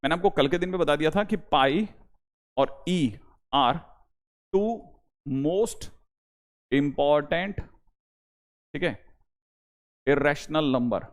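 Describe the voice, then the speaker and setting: A man's voice: on the high side, slow, pauses often. A young man teaching a maths class online, repeating reminders to his students and switching between Hindi and English. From India. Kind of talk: online lecture.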